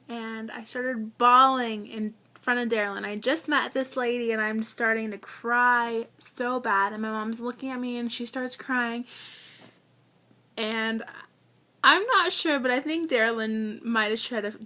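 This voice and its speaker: A woman's voice: on the high side, pushed and bright. A young adult woman telling her own story in a casual, chatty vlog, full of fillers and restarts. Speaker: vlogger.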